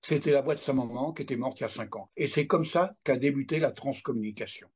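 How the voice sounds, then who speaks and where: A man's voice: medium pitch, quick pace, a little mellow, slightly rough. A man in his seventies, a guest telling his own story in casual talk, acting out remembered dialogue as he goes. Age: 70s. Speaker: interview guest.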